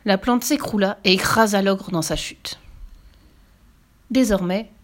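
A woman narrating a children's fairy tale aloud, expressive and sometimes dropping to a soft whisper. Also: medium pitch, a little slow. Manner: expressive, dips into soft whispers on quiet passages. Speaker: storyteller. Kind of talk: scripted storybook narration.

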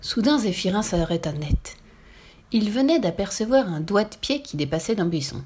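A woman reading a children's storybook aloud in a lively, expressive way. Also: medium pitch, normal speed, husky.

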